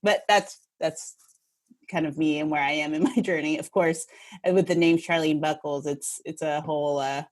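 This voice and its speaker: A woman host from Northern Kentucky, chatty and quick to laugh, asking long, winding questions in a podcast interview. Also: low-pitched, steady tone. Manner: warm, chatty, laughs easily, asks long rambling questions.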